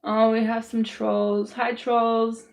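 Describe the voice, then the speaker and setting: A young woman streaming live, talking bluntly and casually with lots of swearing and slang, hoarse and clearing her throat as she loses her voice. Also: on the high side, flat delivery, takes it slowly, poor audio. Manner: blunt, profane, laid-back slang. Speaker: tarot streamer. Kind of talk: casual livestream chat.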